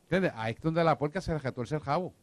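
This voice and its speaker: Here a man leads a church discipleship class, pressing his points hard, going over them again, and asking if everyone follows. He talks quickly in a fairly high voice, and there's no echo.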